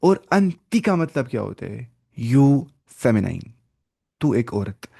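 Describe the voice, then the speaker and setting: A man teaching an online language lecture. He explains patiently step by step, mixes in English terms, and keeps repeating key words and asking the class quick check questions. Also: mid-range voice, sing-song, gravelly, mellow, breathy edge, no echo, clean studio sound. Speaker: Arabic teacher.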